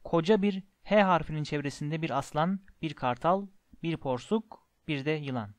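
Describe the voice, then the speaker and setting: A man narrating a story in a measured, expressive reading. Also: on the high side, no room sound. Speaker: audiobook narrator.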